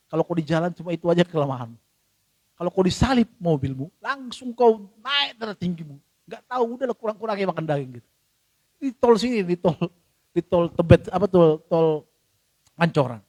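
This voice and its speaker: A male pastor with an Indonesian accent preaching a sermon in church, swinging between loud and soft and acting out quoted voices. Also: on the high side, no echo.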